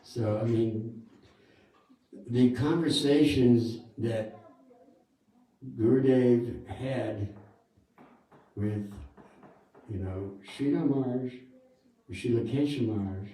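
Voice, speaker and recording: A man preaching in a relaxed, chatty way, with a very dark and mellow tone. His voice comes from a distance and rings through an echoey temple hall. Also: lowish voice. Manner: conversational, with many asides. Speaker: guru giving a talk. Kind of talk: sermon. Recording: echoey hall, speaker off-mic.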